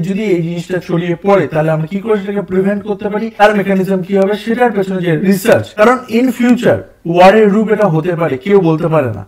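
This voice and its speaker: Fast-talking urgent male commentator. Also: high-pitched, darkish tone. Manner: urgent, warning tone with English words mixed in. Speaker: channel host. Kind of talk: explainer commentary.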